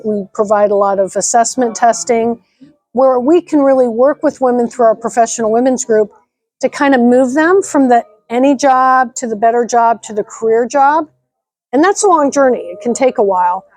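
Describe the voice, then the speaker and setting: A middle-aged woman with a fairly high voice speaks in an upbeat, enthusiastic way while being interviewed. The sound is close and dry, with no room echo. She comes across as an articulate nonprofit director. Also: a little mellow. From Nebraska, United States. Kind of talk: interview conversation.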